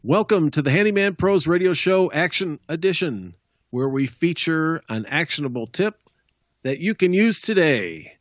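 A man's voice: on the high side, animated, moderate pace, no echo, muffled recording, faint music behind. A man co-hosting a home improvement talk show, chatting casually in an easygoing, rambling way. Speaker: co-host. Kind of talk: casual chat.

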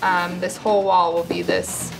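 A woman's voice: lowish voice, flat delivery, moderate pace, vocal fry, rough recording. Woman designer explaining a wall plan. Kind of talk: on-site walkthrough. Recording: background music under the voice.

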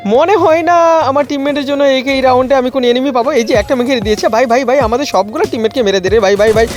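Excited high-pitched gamer man. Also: fast talker, music in the background. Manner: excited, teasing, yelling at teammates. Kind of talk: comic gameplay commentary.

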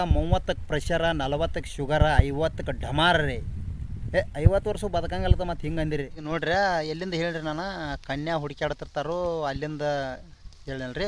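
A man's voice: on the high side, slight background noise. A man with a North Karnataka Kannada accent, telling folk stories in a chatty way and stopping to sing verses. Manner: chatty, addresses listeners with polite asides. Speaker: vlogger. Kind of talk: folk storytelling with sung verses.

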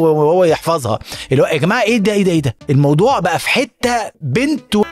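Egyptian male podcast host, exasperated satirical monologue, very fast delivery, swears freely. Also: high voice. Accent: Egyptian Arabic. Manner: profane ranting, mixes in English words; exasperated, appeals to listeners.

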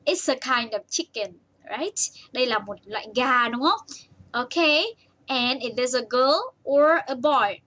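A woman's voice: on the high side, a bit bright. A young adult woman with a Vietnamese accent teaching English to small children live, reading viewers' comments aloud with bouncy praise. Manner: bouncy, praising, switches between slow English and rapid Vietnamese.

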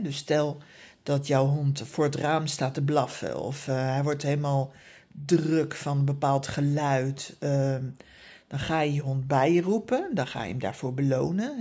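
A woman who specialises in dog behaviour gives calm, patient training advice, with many fillers and frequent tag questions. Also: low-pitched, measured pace, slightly rough. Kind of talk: explanatory advice talk.

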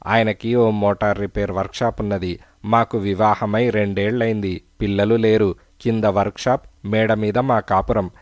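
Brief: a worried young wife pouring out her story, voiced by a man, low and dry. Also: fairly even intonation, normal speed, no room sound, close to an everyday voice. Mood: confiding. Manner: sorrowful, hesitant pleading. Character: frightened young married woman confessing to a detective.

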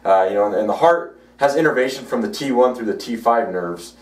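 A man who works as a chiropractor, giving an educational video blog talk, halting with many fillers. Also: medium pitch, animated, echoey room, distant mic. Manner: halting, frequent "uh" and "you know" fillers.

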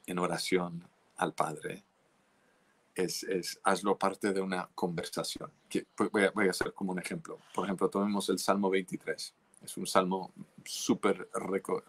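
A man's voice: low-pitched, a bit bright, slightly rough. A man preaching a teaching sermon, earnest and exhorting listeners, often restarting his words mid-sentence. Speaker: pastor.

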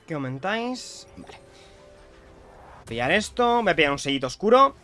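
A young man from Spain with a Spanish accent, chatting excitedly to viewers while commentating his own gameplay. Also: on the high side, moderate pace, faint music behind. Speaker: streamer playing a video game.

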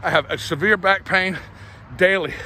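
A man's voice: high-pitched, normal speed, pushed and bright, a little hiss or hum. Breathless man vlogging a walk. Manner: chatty, rambling, self-deprecating. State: a bit out of breath from walking. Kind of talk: casual walking vlog. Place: outdoor walking trail. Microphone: phone held while walking.

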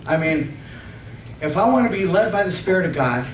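At a church conference, a middle-aged man with a high, animated voice preaches and reads scripture in a halting, somewhat nervous way, frequently correcting himself and asking for amens. The audio comes from a far camera picking up his stand microphone on an indoor church hall stage, roomy and distant with a little noise.

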